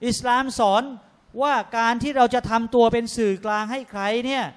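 A man lecturing on a religious panel in a lively, joking way, acting out people's voices in his stories. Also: very high-pitched, brisk, clear, resonant tone. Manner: often tags sentences with polite particles. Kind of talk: religious panel talk to an audience.

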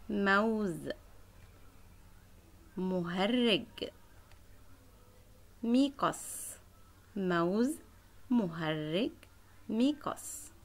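Very slow-speaking woman teacher. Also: mid-range voice. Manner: slow, clearly drawn-out syllables; encouraging praise to pupils. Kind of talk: children's Arabic letter lesson.

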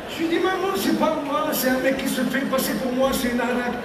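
A young man from Tunisia doing stand-up comedy on a theater stage and acting out characters with sudden pitch jumps. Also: a little fast. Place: large theater stage with live audience. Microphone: handheld mic, filmed from the audience. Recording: echoey hall from far off, crowd noise.

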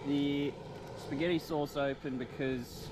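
A man's voice: a little high, fairly even intonation, takes it slowly. Easygoing guy on a noisy action cam. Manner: easygoing, upbeat, lots of "cool". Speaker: travel vlogger. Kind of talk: casual running commentary. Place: outdoor bush campsite. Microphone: action camera on bike or helmet. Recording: noisy outdoor action-camera audio.

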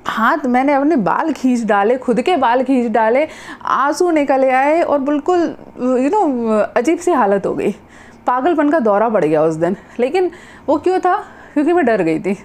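A woman doctor telling a personal story in a casual monologue, her voice rising high and loud at dramatic moments. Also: animated, a little slow. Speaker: doctor sharing personal experience.

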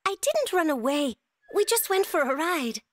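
A woman voicing a gentle, hesitant young girl in an animated cartoon, speaking politely. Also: extremely high pitch, normal speed, no echo. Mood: apologetic. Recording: music behind the dialogue.

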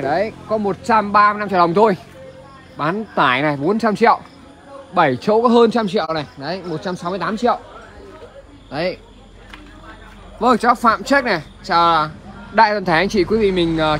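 High-pitched Vietnamese used car salesman, northern accent. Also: fairly quick, long pauses, pushed and bright. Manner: used car salesman patter, repetitive filler tags, chatty appeals to viewers. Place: large covered open-air car lot at night. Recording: noisy outdoor car lot ambience.

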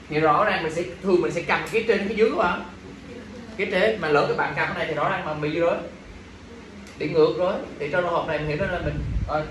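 A male teacher leads an exam review, firing quick questions at his students and checking in after every point. His voice sits a little high and carries a strong room echo, picked up from some distance with faint background noise. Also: a bit bright.

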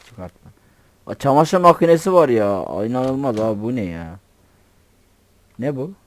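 A man narrates his game in a bouncy, lively voice that swings up and down in pitch. He jokes, swears in fun and talks to himself as he plays. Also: moderate pace. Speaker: gamer. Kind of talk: casual gameplay commentary.

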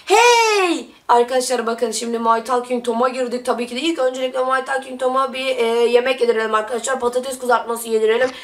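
A woman hosting a gaming video, giving excited let's-play commentary and constantly calling out to her viewers. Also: a little high, fast talker, hardly any pauses. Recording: loud game music behind.

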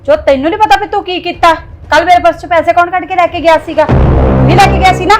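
A woman's voice: extremely high pitch, moderate pace, heavy reverb, distant mic, over loud music, low-quality recording. A woman playing a stern middle-aged mother who scolds her teenage son. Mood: scolding. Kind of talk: family web drama acting.

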